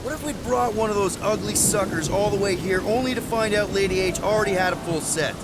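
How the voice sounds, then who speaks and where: A man's voice: high-pitched, brisk, heavy background noise, natural voice. An actor playing a cocky young male space adventurer who leads in a breezy, joking, upbeat way, in video game dialogue. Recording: game audio under loud rain.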